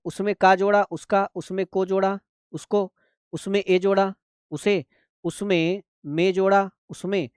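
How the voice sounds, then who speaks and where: A man's voice: fairly high pitch, a little mellow, smooth, no echo, clean studio sound. A man teaching a shorthand class online, going patiently through the steps and asking if his students understand.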